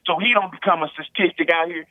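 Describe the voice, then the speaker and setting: A man's voice: fairly high pitch, quick pace, no room sound. A man calling in to a talk show on a clipped speakerphone line that breaks up, rambling and repeating fillers. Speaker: caller. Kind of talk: casual call-in rant. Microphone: phone on speakerphone. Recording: tinny dry phone line.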